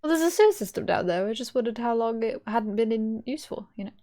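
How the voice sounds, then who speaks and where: Woman playing a tabletop rpg, voice a bit high, just casual bantering in character. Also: expressive, quick pace, dark tone. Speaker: player in a tabletop game.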